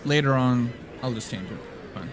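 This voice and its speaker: A man's voice: medium pitch, normal speed, crowd noise, noisy background. A man live-streaming a game, chatting casually with viewers in a rambling way, swearing and laughing offhand. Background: game music.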